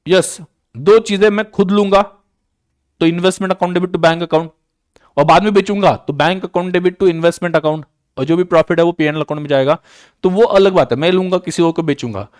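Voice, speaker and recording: This recorded online accounting lecture comes from a man with a high-pitched, darkish voice that is clear and resonant, captured at studio quality without room sound. Mixing English terms into his explanation, he repeats key points, asks "बराबर?" and "clear?" to check understanding, and slows down when dictating journal entries.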